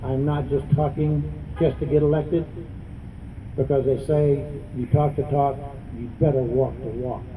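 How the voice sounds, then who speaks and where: Man, mid-pitched voice, campaign speech, adamant and plain-spoken, distant microphone, clear traffic noise behind. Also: flat delivery, unhurried, phone-quality sound. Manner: adamant, plain-spoken, repeating phrases for emphasis. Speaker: congressional candidate and veterans advocate. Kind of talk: campaign speech at a news conference.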